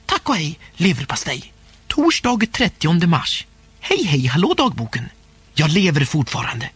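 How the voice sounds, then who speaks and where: Husky-voiced man narrating a diary. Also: a little high, fairly bright tone, no room sound. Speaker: audiobook narrator. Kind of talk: first-person diary narration, read aloud.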